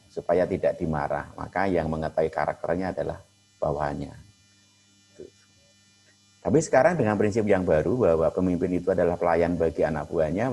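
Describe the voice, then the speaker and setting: A man lecturing adult learners, with frequent pauses and fillers. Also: low-pitched, a little mellow, breathy edge, poor audio. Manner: addresses audience as Bapak dan Ibu, many fillers. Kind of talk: lecture on cooperative management.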